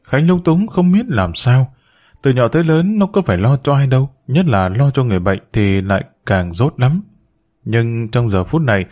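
A man hosting his own channel, reading a serialized story aloud in a measured, calm manner. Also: mid-range voice.

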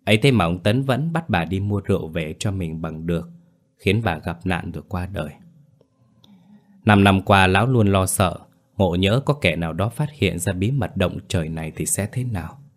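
Male horror narrator, very low and heavy voice, grave dramatic delivery. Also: moderate pace. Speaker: storyteller. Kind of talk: scripted horror story narration.

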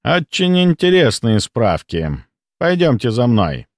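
A man voicing a smug, scheming middle-aged hospital chief who talks in a theatrical, mock-friendly, drawn-out way. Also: fairly high pitch, big pitch swings, no room sound, clean studio sound, pitched above the performer's own voice.

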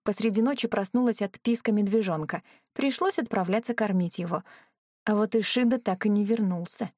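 A woman reading a first-person fantasy audiobook in a measured, earnest way. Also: medium pitch, darkish tone, dry recording, studio quality. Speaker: audiobook narrator.

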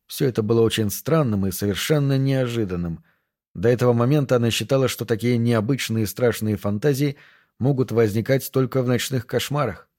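A man reading a thriller audiobook in a measured, even storytelling manner. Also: mid-range voice. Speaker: audiobook narrator. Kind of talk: scripted narration.

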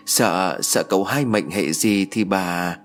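A man's voice: lowish voice, drawn-out words, a bit bright, clear, resonant tone, soft background music. A man voicing a frightened young servant girl who sounds close to tears and pleads urgently. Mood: frantic. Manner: tearful, pleading.

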